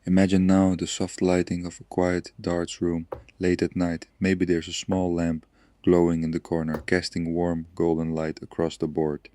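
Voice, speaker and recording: A man speaking softly and soothingly in a slow, gentle ASMR relaxation and storytelling style. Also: low voice, monotone, dry recording. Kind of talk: soft-spoken ASMR guided relaxation and storytelling.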